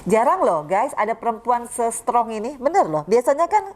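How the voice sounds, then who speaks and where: A woman's voice: on the high side, big pitch swings, normal speed, darkish tone. A woman hosting a casual chat, answering with short responses and turning to speak straight to viewers. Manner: short backchannel responses, addresses viewers directly. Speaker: interview host.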